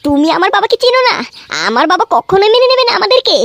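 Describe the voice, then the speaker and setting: Cartoon girlfriend, voiced by a woman, very high and lively, sweet and coaxing, music behind. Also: fast, a little hiss or hum, full character voice. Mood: tender. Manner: coaxing, affectionate. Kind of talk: comic cartoon dubbing. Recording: voice over loud music.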